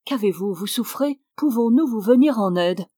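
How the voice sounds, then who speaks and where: An eager, generous young male music student, as a woman reading the story puts him on. He talks in a lively, raised voice that rallies his friends. The recording is dry, with no room sound. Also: on the high side, moderate pace, breathy edge, dry recording. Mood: concerned.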